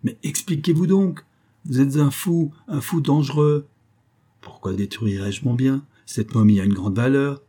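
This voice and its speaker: A man's voice: lowish voice, moderate pace, few pauses, dark tone, lightly acted. A man reading an audiobook, voicing a frightened, scheming scholar who pleads and protests. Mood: indignant. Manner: pleading, agitated, cornered.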